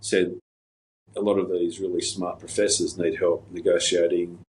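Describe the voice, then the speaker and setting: Deep-voiced man telling stories. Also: level tone, moderate pace, darkish tone, a little hiss or hum, poor audio. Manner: rambling anecdotal delivery with fillers and restarts. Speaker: guest. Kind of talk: casual interview storytelling.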